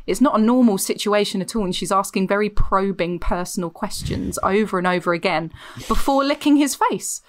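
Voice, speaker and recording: A woman's voice: medium pitch, a little fast. A woman talking casually about film as a podcast guest.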